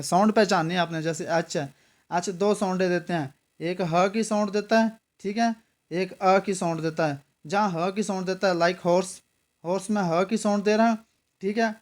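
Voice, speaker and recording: A man teaching English grammar for exam preparation. He repeats rules, asks rhetorical questions and reads example sentences slowly. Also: high-pitched. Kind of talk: exam-prep grammar lesson.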